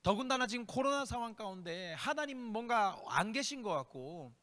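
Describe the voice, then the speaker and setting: A man's voice: sits high, big pitch swings, normal speed, bright, forceful tone. A man preaching a youth sermon and leading prayer, impassioned and emphatic, repeating key phrases. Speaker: youth group pastor. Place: church worship hall. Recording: long church-hall reverb.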